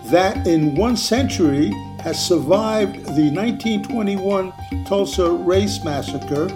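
An older man hosting a group call, briskly calling on each guest by name. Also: sits high. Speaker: host. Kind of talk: hosting a video call introduction round.

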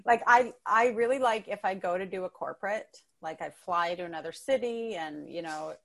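A woman's voice: medium pitch, moderate pace, gravelly, a bit bright. A woman with a Canadian accent, a comedian guest on a podcast, telling chatty stories and laughing often. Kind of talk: casual chat.

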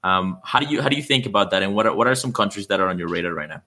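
Podcast host guy, low-ish voice but bright, stumbles through his questions. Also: expressive. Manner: halting, many fillers and restarts. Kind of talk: conversational podcast interview.

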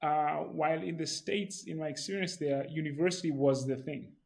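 Guy hosting, slightly high voice, rambly curious questions, lots of restarts. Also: normal speed, vocal fry, a little mellow. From Kenya. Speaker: interview host. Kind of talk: casual interview talk.

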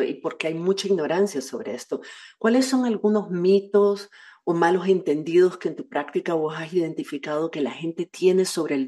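A woman's voice: fairly low pitch, dark tone, breathy edge. A woman hosting an interview, asking thoughtful questions and sometimes searching for words. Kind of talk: conversational interview.

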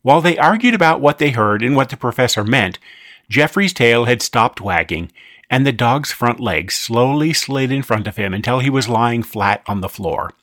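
Animated man reading a children's story. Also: mid-range voice, normal speed, dry recording, clean studio sound. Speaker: narrator. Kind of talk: storybook narration.

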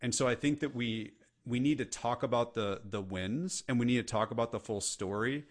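A man's voice: mid-range voice, normal speed. A middle-aged man, a leadership coach, talking earnestly and casually as a podcast guest. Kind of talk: podcast interview conversation.

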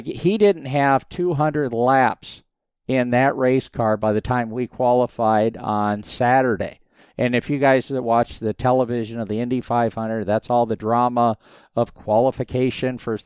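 A man in his fifties tells stories as a podcast guest, his voice smooth and resonant on a dry, close recording. He rambles with plenty of restarts but keeps the telling lively. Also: mid-range voice, no room sound. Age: 50s. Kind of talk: casual storytelling interview.

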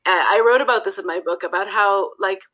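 A woman's voice: mid-range voice, a little fast, pushed and bright, poor audio. A woman from Nepal, a guest author talking through her thoughts in a casual interview, often restarting phrases and adding "you know.".

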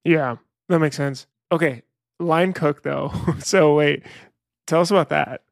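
A man hosting a podcast, introducing the show and asking curious, quick follow-up questions. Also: on the high side, fairly even intonation, gravelly, dry recording, clean studio sound. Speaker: podcast host. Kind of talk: casual interview hosting.

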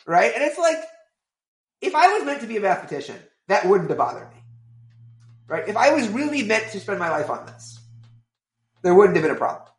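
A man telling a long anecdote as a podcast guest, rambling and filling pauses with "like" and "right?". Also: sits high, roomy sound. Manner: animated, rambling, many fillers like "right?". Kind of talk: casual storytelling.

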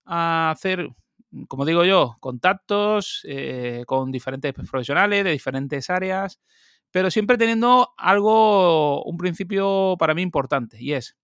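Guy chatting as a guest, animated storyteller, slightly high voice, dry sound. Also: smooth, dry recording. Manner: lively, animated, quick asides and laughs. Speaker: interview guest. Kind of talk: casual storytelling.

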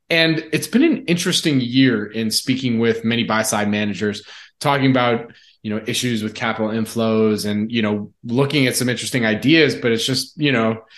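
Male podcast host, mid-pitched, for scripted intros and brisk run-on disclaimer copy. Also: a bit bright.

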